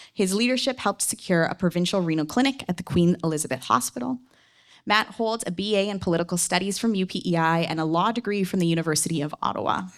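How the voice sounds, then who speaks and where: A woman with a Newfoundland accent moderating a public event from a podium, speaking informally with self-deprecating, joking asides. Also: on the low side. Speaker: debate moderator. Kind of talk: event welcome and introductions at a podium.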